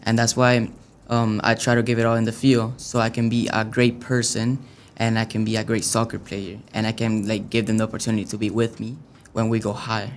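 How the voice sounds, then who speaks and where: A man's voice: on the low side, completely flat delivery, a little fast, a little hiss or hum. A young man from Venezuela answering interview questions in a hesitant, casual way with many fillers. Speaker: youth soccer player, guest.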